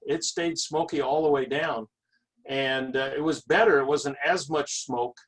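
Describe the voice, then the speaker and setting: A man with a medium-pitched voice talks casually to a group. He goes along haltingly, often repeating a word before carrying on. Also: breathy edge, poor audio. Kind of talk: casual trip recounting.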